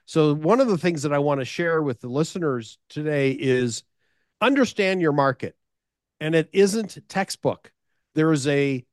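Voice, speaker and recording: A man's voice: mid-range voice, no room sound, clean studio sound. A middle-aged American man tells a story on a podcast, sharing business advice with listeners and often repeating and restarting his phrases.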